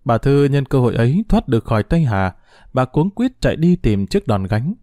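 A male narrator, telling a story in a lively, expressive voice. His pitch moves widely, and the sound is dry and close to the mic. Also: moderate pace, no room sound.

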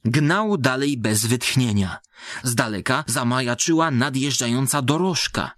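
A man reading a literary story aloud in measured, dramatic narration, voicing the characters. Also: medium pitch, expressive, a bit bright, dry recording.

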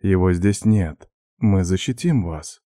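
A man doing a soft, coaxing interrogator. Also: deep voice, takes it slowly, dry recording, studio quality. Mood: soothing coaxing. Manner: soft, ingratiating, monotonous. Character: gentle investigator man, soothing and coaxing. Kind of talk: audiobook character voice.

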